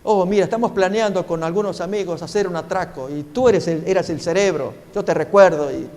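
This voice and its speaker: A man's voice: high-pitched, fairly quick, a little mellow, in a large hall. A man preaching, acting out a young criminal friend who coaxes and persuades. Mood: coaxing. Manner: coaxing.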